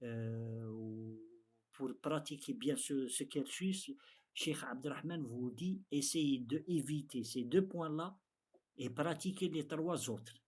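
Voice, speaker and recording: Speaking halting, non-native French with an Arabic accent, a man teaches a religious lesson, interpreting it for beginners and often repeating phrases. His mid-pitched voice is slow, husky and a little mellow.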